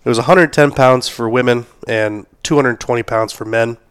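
A man's voice: mid-range voice, moderate pace, clean tone, no echo, studio quality. A man hosting a solo podcast recap, sick and losing his voice, talking casually with many fillers and the odd cough. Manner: casual, lots of fillers, shout-outs. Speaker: podcast host.

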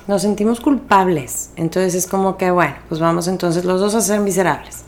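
A woman's voice: on the low side, normal speed, a little hiss or hum. A woman with a Mexican accent giving a reflective motivational talk, conversational and often checking in with her listeners.

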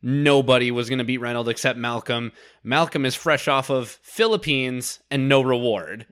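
A man's voice: mid-range voice, moderate pace, fairly bright tone, clear, resonant tone. Male co-host who reasons things through, trips over his first words. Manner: stammering restarts, analytical. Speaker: podcast co-host. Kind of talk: casual chat.

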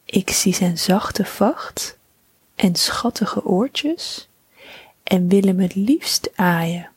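A woman narrates a bedtime story for children in a near-constant breathy whisper, speaking very slowly in a calm, soothing way. Her mid-range voice comes across close and dry, with no surrounding room sound.

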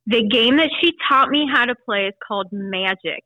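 A woman in her fifties, chatty and quick to laugh, answering questions in a casual family interview at home. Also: a little high, bright, forceful tone, no room sound, highs cut off. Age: 50s. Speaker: interviewee, aunt.

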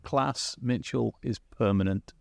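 A man's voice: mid-range voice, slow, vocal fry, slight background noise. A man from England, a former co-host back as a guest, chatting casually on a podcast in a rambling, stop-start way. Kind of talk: casual chat.

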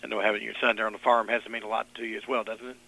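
Brisk, bright-voiced male interviewer. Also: on the low side, little pitch movement, creaky, poor audio. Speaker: radio interviewer. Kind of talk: conversational interview questions.

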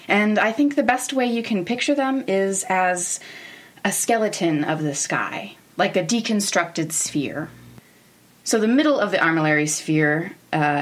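An American woman in her thirties, from Oregon, narrating an educational show in an informal, wry, candid way. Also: on the low side. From Oregon, United States. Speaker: podcast host. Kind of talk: semi-scripted educational narration about space history.

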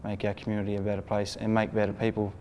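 A man's voice: on the low side, monotone, rapid-fire, dark tone, slight background noise. A young Australian man of twenty-five speaking hesitantly on a youth panel. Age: 20s. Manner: hesitant, many fillers. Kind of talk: casual discussion.

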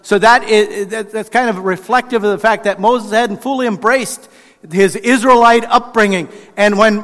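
High-voiced guy preaching, chatty, lots of restarts, big echoey hall. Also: fairly even intonation, normal speed, a bit bright. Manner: conversational, acts out quotes with restarts. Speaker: pastor. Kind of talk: sermon.

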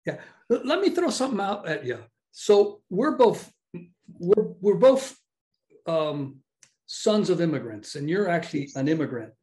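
Middle-aged man, podcast guest, reflective, thoughtful, slightly high voice. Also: big pitch swings, unhurried, dark tone. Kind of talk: casual conversation.

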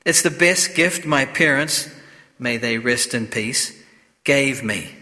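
A man, a priest, reading the gospel and preaching a homily at Mass in a slow, measured way, his voice carrying a cathedral echo. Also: medium pitch, sharp tone. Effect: cathedral-like echo with long reverb. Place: church during Mass. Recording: long church reverb.

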